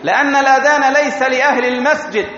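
High-voiced male preacher in echoey hall. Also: fast, bright, forceful tone, muffled recording, a little hiss or hum. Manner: didactic, demonstrates call-to-prayer phrases. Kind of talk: Friday sermon.

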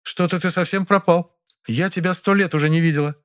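A man's voice: sits high, fairly even intonation, brisk, a bit bright, clear, resonant tone, voice pushed up. A man voicing a haughty, theatrical elderly actress in an audiobook. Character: grand sharp-tongued elderly actress, imperious.

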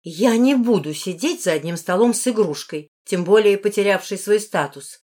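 A haughty young woman student, disdainful and proud, read by a woman narrator in a near-plain voice. Her mid-pitched voice stays close to the narration. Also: expressive, normal speed, warm tone, lightly acted.

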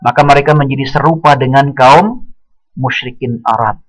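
A man giving a religious study lecture, speaking in a measured way and quoting Arabic passages. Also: medium pitch, poor audio. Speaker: Islamic teacher.

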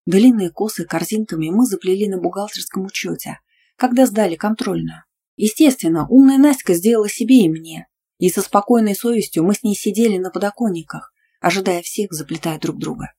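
A woman narrating a first-person audiobook in a lively, playful, ironic way. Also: mid-range voice, fairly quick.

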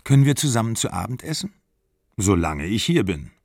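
A distraught young mother pours out her fear in an earnest, pleading way, voiced by a male audiobook reader. The voice is gravelly and sits close in a dry, deadened sound. It keeps a steady, literary reading pace. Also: lowish voice, a little fast, no room sound, exaggerated voice.

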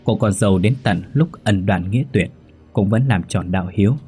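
Low, husky male storyteller. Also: normal speed, dark tone, faint music behind. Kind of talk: scripted story narration.

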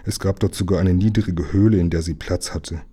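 Deep, dark-voiced man reading a storybook. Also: fairly even intonation, a little fast, husky. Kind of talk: reading a children's book aloud.

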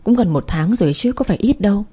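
A woman's voice: medium pitch, expressive, fast talker, warm tone, slightly rough. A woman reading a first-person story aloud as an audiobook narrator, voicing the other characters' lines in her own voice. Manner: reads dialogue of several characters in her own voice.

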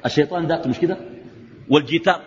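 A man's voice: fairly high pitch, very fast. A man with a Sudanese Arabic accent giving a religious lecture, arguing his point with rhetorical questions, recorded in a reverberant hall on dull lo-fi sound. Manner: argumentative, fires rhetorical questions. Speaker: preacher.

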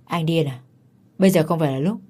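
A woman's voice: low-pitched, fast talker, mellow. A woman voicing a frightened young wife who defends herself and pleads with her husband. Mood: pleading.

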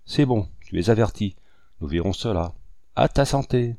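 Stern, scolding male comrade in a storybook, curt and low, as a male narrator puts him on. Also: lively intonation, moderate pace, mellow, no echo, clean studio sound.

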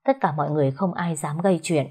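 A woman narrating an audio story in a steady storytelling voice. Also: sits low, fast talker, slightly rough.

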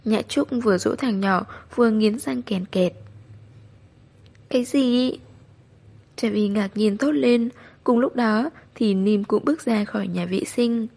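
Woman narrating a novel, mid pitch. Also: measured pace, gravelly, a little mellow. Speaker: storyteller.

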